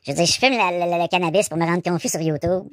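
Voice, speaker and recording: Québécois dude in his 40s talking fast on a call, rambly, dry close sound. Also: sits high, no room sound. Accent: Québécois French. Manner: rushed, chatty, full of filler tags. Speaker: YouTuber on a phone call. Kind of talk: casual phone chat.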